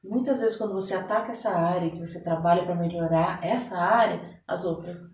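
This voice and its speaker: Speaking a bit quickly in a lowish, slightly mellow voice, a Brazilian woman explains her coaching work as an interview guest and keeps checking whether her listener agrees. She sits distant from the mic in an echoey room.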